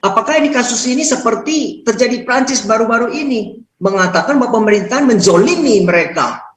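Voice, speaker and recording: An interviewer asking talk-show questions in a measured, formal way. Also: mid-range voice, lively intonation, a little hiss or hum. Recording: roomy echo.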